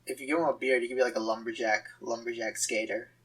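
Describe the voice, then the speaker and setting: A man's voice: medium pitch, steady tone, slightly rough, low-quality recording. A man in his twenties, a guest artist, chatting casually and joking with frequent laughs. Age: 20s. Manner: giggly, joking, quick to laugh. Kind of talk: casual chat while sketching.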